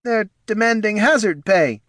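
A man voicing a flustered male guild official, anxious and harried, pleading in a raised pitch. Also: lively intonation, a little slow, fairly bright tone, dry recording, clean studio sound.

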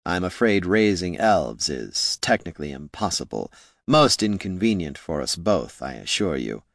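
A man voicing an undead male lich wizard, speaking slowly in a hollow, scornful, condescending way. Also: low-pitched, very animated, vocal fry, no room sound, clean studio sound, exaggerated voice. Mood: mocking. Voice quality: hollow, slow and drawn-out. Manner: condescending, dryly mocking.

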